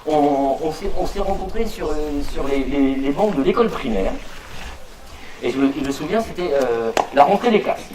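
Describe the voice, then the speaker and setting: Animated stand-up comic in a roomy hall. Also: male voice, on the high side, moderate pace, noisy background. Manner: animated, stammering restarts, acts out voices. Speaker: stand-up comedian. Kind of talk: stand-up comedy storytelling. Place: live show venue with audience. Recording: roomy live stage sound from a distance, audience.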